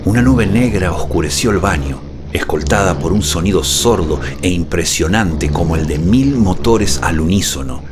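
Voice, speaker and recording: A man narrating a scripted suspense horror story in a measured, dramatic way, speaking intimately close to the ear. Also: deep voice, animated, background noise. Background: music behind the voice.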